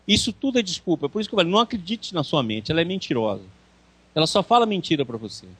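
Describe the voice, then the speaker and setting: A very animated man with a Brazilian Portuguese accent talks quickly in a fairly high, bright yet husky voice, with no echo. His spiritual course lecture is emphatic, packed with rhetorical questions and acted-out quotations.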